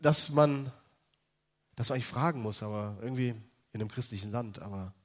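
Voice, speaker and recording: A man's voice: medium pitch, fairly quick. A man in his thirties telling a personal faith story to an evening audience, in a loose, chatty way full of fillers.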